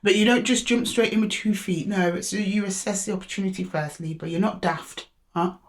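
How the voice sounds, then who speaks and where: A woman with a croaky voice hosting a casual tarot reading, chatty and speaking familiarly to her listeners. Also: medium pitch, fairly even intonation, brisk. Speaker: tarot reader and channel host.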